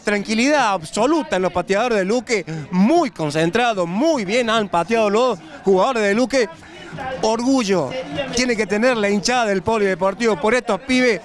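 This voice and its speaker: Male Argentine co-commentator, fairly high voice, analysing football live. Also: moderate pace. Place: outdoors at a small football ground.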